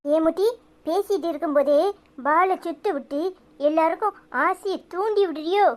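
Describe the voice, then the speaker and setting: A woman's voice: very high-pitched, normal speed. A woman voicing a bossy, sulky little village girl in a cartoon, with a Tirunelveli Tamil accent. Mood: complaining. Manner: coaxing, complaining. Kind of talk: cartoon voice acting.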